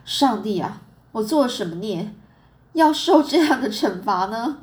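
A woman's voice: on the high side, expressive, unhurried, a little mellow. A stern, exasperated mother, as a woman reader puts her on. She speaks firmly and scolds. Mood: scolding.

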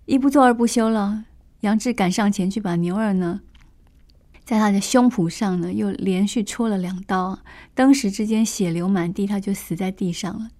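A woman's voice: medium pitch, normal speed, warm tone. A woman storyteller retelling a classic novel in a chatty way, with many fillers and asides.

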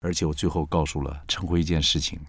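A man's voice: extremely low pitch, level tone, quick pace, a bit bright, breathy edge, dry recording. A man hosting a show and telling a first-person anecdote, acting out the dialogue with friendly teasing. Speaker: host and storyteller.

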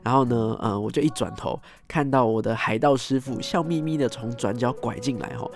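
Animated male storyteller. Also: medium pitch, fairly quick, faint music behind. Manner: animated, acts out scenes, frequent tag particles. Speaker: host. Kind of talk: casual storytelling monologue.

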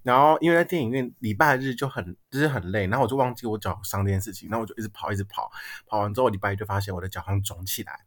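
A man's voice: lowish voice, racing. A young man with a Taiwanese Mandarin accent, hosting a casual podcast chat and complaining with lots of laughter. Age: young adult. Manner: animated, complaining, frequent laughter. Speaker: podcast host.

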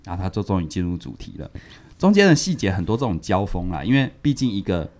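Podcast co-host, man; low, animated delivery, storytelling. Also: fast. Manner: animated, repeats words, laughs while telling. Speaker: podcast co-host reviewing a book. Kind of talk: casual storytelling chat.

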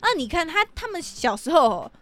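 A young woman, co-hosting a casual podcast and telling stories in an animated way, with casual swearing. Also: sits high, brisk. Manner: animated, profane storyteller. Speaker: podcast co-host.

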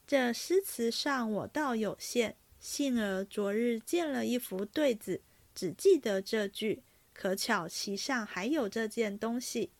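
A woman voicing a refined young male opera actor, reciting in a slow, measured way. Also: a little high, gravelly, dry recording. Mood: graceful.

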